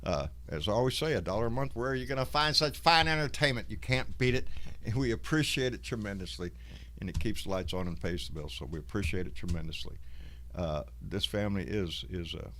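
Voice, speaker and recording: A man hosts a casual online show in a low voice. His accent is Southern US, with a folksy drawl. He talks plainly and saltily, like someone chatting with regulars. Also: animated, fairly quick, fairly bright tone, slight background noise. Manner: salty, profane. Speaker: host of a live online show. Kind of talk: casual livestream chat.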